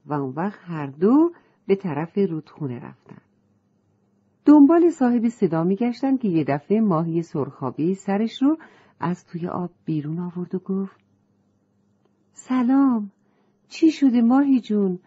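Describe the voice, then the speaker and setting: Breathy woman reading a children's story. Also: fairly low pitch, very animated, dark tone, dull audio.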